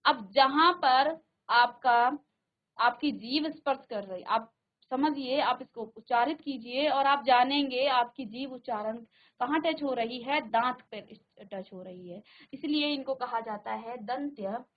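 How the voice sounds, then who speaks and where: A woman teaching a class, slowly sounding out syllables aloud for her pupils to repeat. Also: high voice, highs cut off. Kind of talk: classroom lesson. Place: studio virtual classroom.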